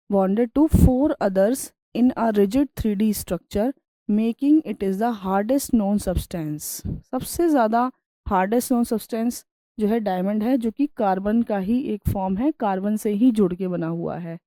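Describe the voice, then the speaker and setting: A woman teacher giving a science lesson. She reads English lines slowly, then explains them in Hindi with everyday examples, and keeps checking in with her students. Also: medium pitch, dark tone, no room sound, low-quality recording. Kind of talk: classroom lecture.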